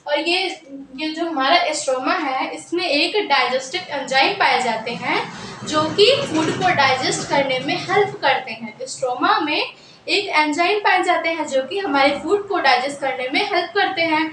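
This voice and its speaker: A woman's voice: sits high, moderate pace, a bit bright, a little hiss or hum. A woman teaching a biology class, repeating key terms and asking questions she then answers herself, and slipping English phrases into her talk. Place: room with a board. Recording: echoey room, mic at a distance.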